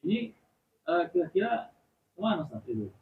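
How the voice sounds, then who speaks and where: Gravelly man asking from far off. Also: high-pitched, sing-song, a little fast. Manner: hesitant, restarts questions. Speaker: student asking a question. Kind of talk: asking questions in class. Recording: distant tinny sound with faint noise.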